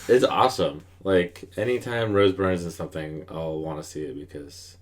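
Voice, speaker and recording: A young man with a very deep voice co-hosts a casual movie podcast. He speaks bluntly and throws in jokes. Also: moderate pace, a crowd in the background. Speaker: podcast co-host.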